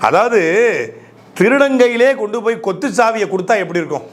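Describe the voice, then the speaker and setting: A man's voice: high voice, expressive, a little fast. A man narrating a political troll video in a mocking, sarcastic commentary style. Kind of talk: casual commentary.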